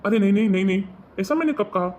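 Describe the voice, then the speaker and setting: A woman's voice: medium pitch, expressive, very fast, a little mellow, voice pushed down, natural voice. A woman voicing a flustered husband who backpedals nervously while heading out. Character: flustered husband hurrying off to work.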